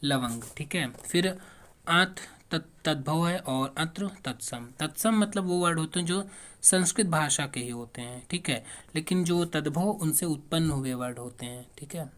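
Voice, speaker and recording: A teacher talks through past exam questions one by one, at a middle pitch. The delivery is a plain lecture: a question posed aloud, then its answer. Fillers and quick self-corrections run throughout. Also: a bit bright. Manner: explains step by step, asks questions then answers them.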